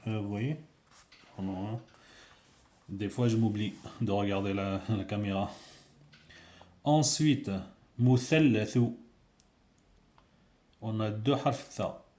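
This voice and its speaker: Patient male teacher, slow and low-pitched, casual lesson taped in an echoey room. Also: darkish tone. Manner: patient, repeats sounds slowly for learners. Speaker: Arabic teacher.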